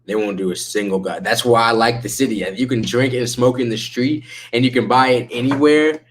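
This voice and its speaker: A man's voice: medium pitch, steady tone, fairly quick. A man hosting a casual chat with a laid-back stoner drawl, using slang and swearing freely. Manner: slangy, profane. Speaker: livestream host chatting with viewers.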